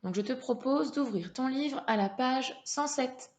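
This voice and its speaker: Slow, patient schoolteacher woman. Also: sits high, darkish tone, muffled recording. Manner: slow, patient, syllable-by-syllable dictation. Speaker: primary school teacher. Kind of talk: reading lesson for young children.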